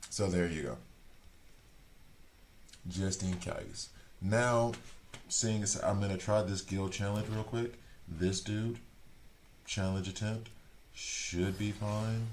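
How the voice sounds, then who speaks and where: A man from Switzerland, whose first language isn't German, streams a game and chats loosely with viewers, rambling on and reading chat out loud. His voice is on the low side and steady, and he speaks slowly with long pauses. There's slight background noise.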